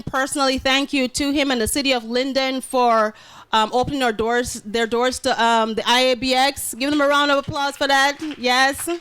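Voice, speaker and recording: A woman organizer introduces speakers at an author expo. Her voice is high and bright, and her manner is upbeat. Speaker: event organizer. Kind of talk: event announcing.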